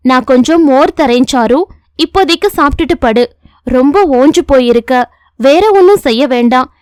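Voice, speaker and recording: Woman voicing a kind village woman in her 30s, soft, lowered voice, gentle but firm, dry close sound. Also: moderate pace, smooth, no echo, close to an everyday voice. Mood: caring. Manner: gentle and soothing, firm with others.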